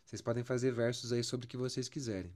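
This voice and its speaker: A man's voice: mid-range voice, steady tone, quick pace, darkish tone. A man with a Brazilian Portuguese accent teaching a songwriting lesson, counting syllables aloud and stretching words as he goes. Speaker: music teacher.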